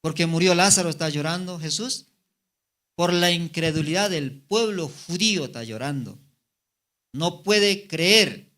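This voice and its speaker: A man's voice: a little high, fairly bright tone. Preaching man, raised rhetorical questions. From Bolivia. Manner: reads scripture aloud, then comments with rhetorical questions; voice rises and slows for the quoted words. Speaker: evangelist preacher. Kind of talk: sermon with scripture reading.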